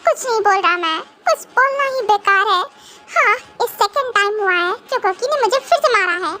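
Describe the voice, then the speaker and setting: A woman's voice: extremely high pitch, expressive, normal speed, sharp tone, faint music behind, full character voice. A woman voicing a sulky, henpecked young mafia husband in a fan audio drama, with a whiny, complaining manner.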